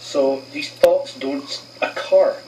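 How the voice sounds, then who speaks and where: A man talks slowly and hesitantly, stopping to restart his sentences. He sits well back from the microphone. A faint hiss runs under the replayed clip. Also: fairly high pitch, darkish tone, recorded from a distance, low-quality recording. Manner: slow, halting, hesitant. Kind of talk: video clip being responded to.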